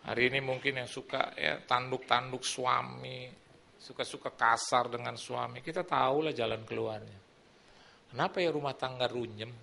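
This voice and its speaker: A man's voice: mid-range voice, normal speed, creaky, a little hiss or hum. A middle-aged male pastor preaching in church, telling stories and acting out the people in them. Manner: animated, acts out quoted people. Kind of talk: sermon with storytelling.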